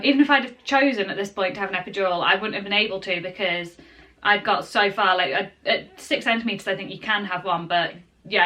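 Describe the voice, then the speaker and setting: A young woman telling her birth story to camera at home in a chatty, casual way, full of fillers and soft asides to the baby in her arms. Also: mid-range voice. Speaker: parenting vlogger.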